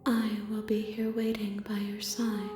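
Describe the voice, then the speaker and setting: A woman playing an infinite, otherworldly princess entity in a video game, speaking in a serene, measured, cryptic and poetic way. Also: medium pitch, monotone, lightly acted. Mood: hushed, cryptic. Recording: echoing voice under game music. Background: clear background music.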